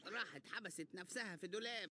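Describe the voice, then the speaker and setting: A man's voice: high-pitched, fast talker, close to an everyday voice. A man voicing a reproachful penguin friend in an Egyptian Arabic cartoon dub. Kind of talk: animated cartoon dub acting. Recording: loud music behind the voice.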